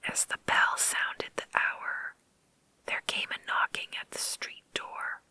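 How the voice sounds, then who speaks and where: Close to the microphone, a woman reads a story in a creepy, breathy ASMR whisper, slow and deliberate. Her tone is bright and forceful, and the recording is rough.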